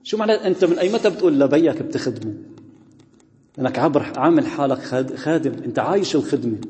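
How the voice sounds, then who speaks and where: A man with a Lebanese Arabic accent preaching a Bible study sermon, animated and firing rhetorical questions at his listeners. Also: medium pitch, fast talker. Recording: long hall reverb.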